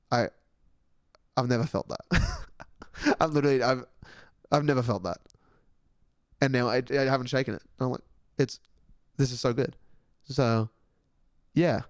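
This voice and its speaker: A young Australian man hosting a podcast, chatting in a rambling, excitable way and swearing casually. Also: mid-range voice, no room sound, studio quality. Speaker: podcast host. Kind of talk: casual solo podcast chat.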